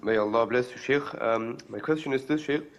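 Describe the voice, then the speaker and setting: A man's voice: mid-range voice, fairly quick, dull audio. A man calling in to a live show, working through a question in hesitant spoken phrases. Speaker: caller asking a question.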